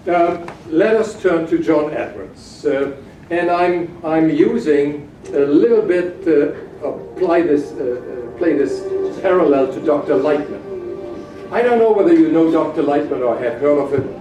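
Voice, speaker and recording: A man's voice: on the high side, a little slow, mellow. Distant, echoey male academic lecturer. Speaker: keynote speaker. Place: hotel conference room, at a lectern. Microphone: far camera at back of room. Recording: echoey distant room recording with noise.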